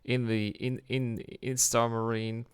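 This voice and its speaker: A man's voice: medium pitch, level tone, unhurried, clean tone. A tired man hosting a late-night livestream, chatting casually and talking straight to his viewers. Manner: chatty, addresses the viewers directly. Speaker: livestream host.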